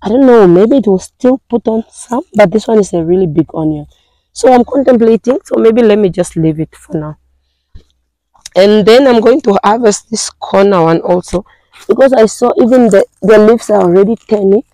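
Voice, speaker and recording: A woman gives a rambling tour of her backyard garden, her voice hoarse throughout. She talks casually to her viewers with plenty of fillers and restarts, at a middle pitch. The sound is close and dry, recorded on a handheld phone outdoors. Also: normal speed, warm tone, no echo, low-quality recording. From Namibia. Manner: chatty, hesitant, with many fillers and restarts. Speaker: gardening vlogger.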